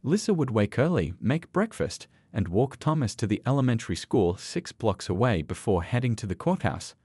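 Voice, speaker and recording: A man narrating a scripted story in a measured, expressive way. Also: medium pitch, husky, no room sound.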